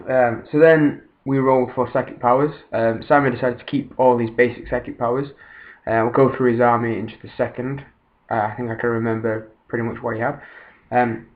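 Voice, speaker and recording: A man's voice: medium pitch, phone-quality sound. A man casually narrating a tabletop battle recap in a hesitant, informal way, sounding a little far away on a built-in laptop microphone. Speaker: tabletop wargamer presenting a battle report. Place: voice-over recorded at a laptop. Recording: band-limited laptop built-in microphone, slightly distant.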